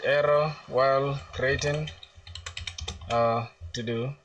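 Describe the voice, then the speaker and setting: A man's voice: medium pitch, recorded from a distance. A young man from South Sudan chats his way through a coding livestream, narrating each step as he works it out and answering viewers in easy slang. His voice sits somewhat back from the microphone, with keyboard typing underneath. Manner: thinks aloud while coding, reads chat questions aloud, slangy. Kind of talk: casual live coding narration.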